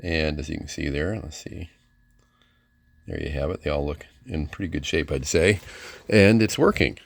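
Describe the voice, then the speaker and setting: His pitch is extremely low and creaky, his speed normal, and there's no room sound at all. This middle-aged ham radio hobbyist presents a receiver in an unscripted, homespun demo, speaking plainly and with some hesitation.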